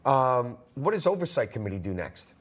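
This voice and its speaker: A man co-hosting a news interview, asking brisk, direct questions. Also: medium pitch, big pitch swings. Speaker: news anchor.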